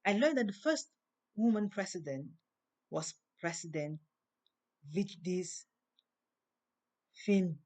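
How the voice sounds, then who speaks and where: Woman preaching slowly with emphatic rises. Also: fairly low pitch, animated, a little mellow. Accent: non-native English. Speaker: host. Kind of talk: inspirational monologue.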